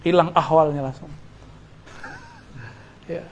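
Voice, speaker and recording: A man's voice: fairly high pitch, fairly even intonation, takes it slowly, a little mellow. A middle-aged man with an Indonesian accent, an Islamic preacher giving a religious lecture, explaining Arabic terms and joking with listeners.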